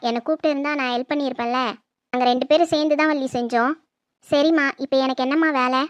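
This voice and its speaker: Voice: high voice, steady tone, fast talker, no room sound. A creator acting family members in homely, chatty scenes of a comedy skit.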